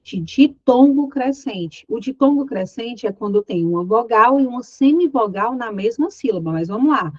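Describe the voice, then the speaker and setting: Woman, Brazilian Portuguese accent, grammar teacher, fairly high voice, dry dull recording. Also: animated, moderate pace, hardly any pauses, a little mellow, dry recording. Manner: explanatory, checks in with tags like "tá?"; voices imagined student questions. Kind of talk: online exam-prep lesson.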